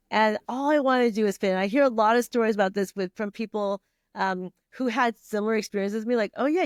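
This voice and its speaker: In a clean, echo-free studio, a middle-aged woman from Vietnam gives a casual podcast interview as a guest. Her voice is medium in pitch with a clean tone, and she laughs, restarts and leans on fillers often.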